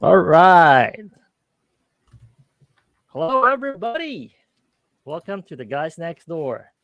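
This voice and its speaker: A middle-aged man with a Filipino accent co-hosts a casual streamed talk show, sounding upbeat yet hesitant with lots of fillers. His voice is on the high side, very animated and a bit bright, delivered at a slow pace. The recording is dry.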